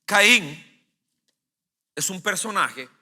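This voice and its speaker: A male pastor, preaching a sermon as vivid storytelling that swings from loud bursts to hushed low phrases. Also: animated, extremely slow. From Costa Rica.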